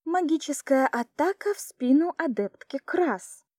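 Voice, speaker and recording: A woman narrating gives voice to an impassive female judge presiding over a magic duel. She speaks in a dry, formal, faintly mocking way, her tone mellow and a little high. The recording is dry and close. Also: expressive, a little slow, no echo. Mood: cool. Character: cool, strict female academy duel judge.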